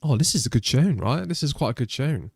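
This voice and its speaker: Chatty British streamer, medium voice, dry close mic. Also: male voice, mid-range voice, very animated, a little fast, vocal fry, a little mellow, slightly rough, no room sound. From Britain. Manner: rambling, chatty, nostalgic. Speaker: game streamer. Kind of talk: casual live-stream chat.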